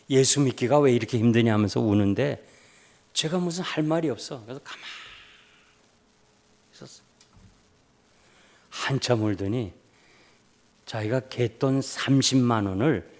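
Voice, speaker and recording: An older man preaching a revival sermon as pastor, urging loudly one moment and telling a story softly the next. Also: medium pitch. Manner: emphatic, swings between loud urging and soft storytelling.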